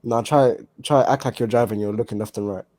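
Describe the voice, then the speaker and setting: A man's voice: mid-range voice, fairly even intonation, brisk, mellow, dry recording. A young British man co-hosting a casual podcast chat, slangy and jokey. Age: young adult. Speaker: podcast co-host.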